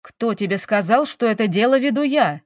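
A woman's voice: fairly high pitch, expressive, moderate pace, dry recording, studio quality, natural voice. A woman voicing a playful, whiny grown man, a detective who pleads and wheedles, in an audiobook. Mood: whiny, wheedling.

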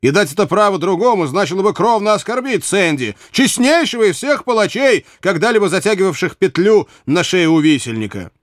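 A man's voice: high-pitched, big pitch swings, brisk, few pauses, no echo, clean studio sound, pitched above the performer's own voice. A man voicing a boastful Scottish archer in an audiobook, speaking emphatically and raised. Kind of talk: audiobook character reading.

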